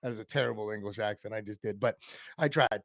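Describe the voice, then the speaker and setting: A man's voice: fairly low pitch, fast, creaky, a crowd in the background. A man co-hosting a casual fan podcast about an old TV show, rambling and self-interrupting, laughing often. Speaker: podcast co-host.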